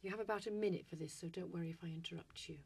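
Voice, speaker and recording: A woman examining candidates in a speaking test, asking scripted questions in a measured, formal and polite way. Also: on the low side, steady tone, gravelly, darkish tone, slight background noise.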